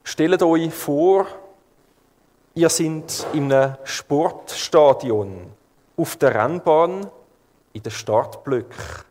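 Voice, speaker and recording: His voice fairly high, a Swiss German-accented preacher delivers a calm, unhurried sermon, vividly picturing scenes for those gathered. The sound carries the long reverb of a church hall.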